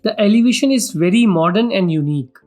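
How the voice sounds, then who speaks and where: A man's voice: high voice, expressive, fast talker, a little mellow. Indian-accented man presenting a property tour, music behind. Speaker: property vlog host. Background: background music.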